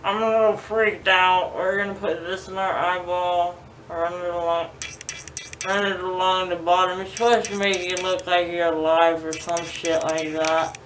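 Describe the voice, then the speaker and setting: A woman's voice: lowish voice, level tone, normal speed, fairly bright tone. A woman rambling casually to camera as a vlogger, groggy and loopy from anesthesia, with a numb, sore mouth. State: numb, sore mouth after dental surgery. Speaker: vlogger giving a makeup tutorial. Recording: roomy, distant mic, faint noise.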